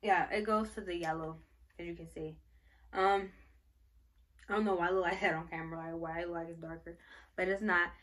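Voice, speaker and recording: A woman's voice: on the low side, steady tone, fairly quick, pauses often, fairly bright tone. Young woman, pregnant, casual vlog, gushing, rambling, lots of fillers, camera mic. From Michigan, United States. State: pregnant, briefly out of breath. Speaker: vlogger. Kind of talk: casual baby haul show-and-tell.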